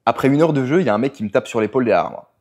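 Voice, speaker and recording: A man's voice: medium pitch, animated, racing, darkish tone. A man telling his poker session as a vlog, analytical and full of English poker jargon. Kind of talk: storytelling vlog narration.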